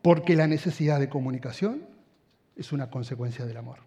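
A middle-aged man with an Argentine accent preaching a sermon, an animated storyteller who swings from hushed tones to shouting. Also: medium pitch, fairly quick, muffled recording. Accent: Argentine Spanish. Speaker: pastor. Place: large hall with audience. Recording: long hall reverb.

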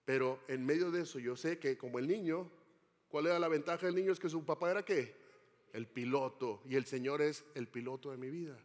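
A man's voice: on the high side, fairly quick. A man preaching a sermon as pastor, asking the congregation questions as he goes. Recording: long hall reverb.

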